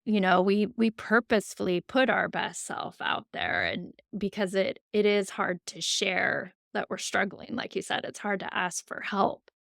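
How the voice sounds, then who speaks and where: Gravelly-voiced woman hosting a podcast. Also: medium pitch, expressive, a little slow, few pauses, fairly bright tone, dry recording, clean studio sound. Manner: supportive, asks follow-up questions. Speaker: podcast host, sober coach. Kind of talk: casual podcast conversation.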